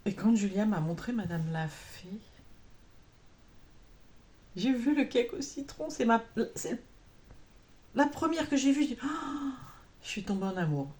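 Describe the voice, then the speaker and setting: A woman's voice: on the high side, lively intonation, measured pace, pauses often, darkish tone. A woman vlogging about cross-stitch in a chatty, rambling way, full of fillers and self-corrections. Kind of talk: casual chat to camera.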